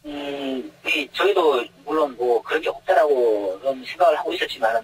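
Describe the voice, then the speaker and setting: An anonymous airport security guard, a man whose voice is disguised with deep pitch shifting, explaining things step by step and often starting with hesitant fillers. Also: very animated, normal speed, gravelly, poor audio. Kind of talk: anonymous news interview answers. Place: connected to the studio from elsewhere.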